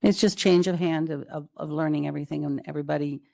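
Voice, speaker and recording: A committee chair speaks fast in a low, dark voice with vocal fry and fairly even intonation. She gives an informal, conversational report at a meeting, repeating words for emphasis, recorded in a public meeting room.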